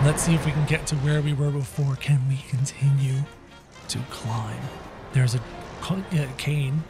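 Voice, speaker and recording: An excitable man narrates his gameplay, calling out to his viewers as things happen. His voice is high, bright and lively, and it swings widely in pitch. Faint game music runs underneath. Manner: excitable, exclamatory, addresses viewers as guys. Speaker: gaming YouTuber. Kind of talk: game commentary.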